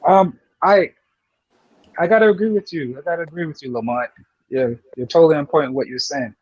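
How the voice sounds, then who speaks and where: A man calling into a casual sports talk panel, his audio breaking up as he talks haltingly and repeats himself. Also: fairly high pitch, slightly rough, no echo. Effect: glitchy online call audio breaking up. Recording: muffled, dull call-in line, breaking up.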